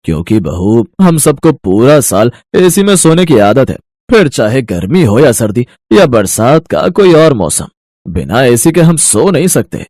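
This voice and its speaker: A man's voice: medium pitch, sing-song, unhurried, darkish tone, no room sound, studio quality. A man voicing a stubborn young husband in a cartoon, dismissive in tone.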